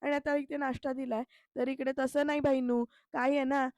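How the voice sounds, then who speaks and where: A woman's voice: high-pitched, flat delivery, a little fast, a little mellow, no echo. A woman narrating a chatty voice-over recap of a TV serial episode, talking straight to the viewers. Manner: chatty, addresses viewers directly.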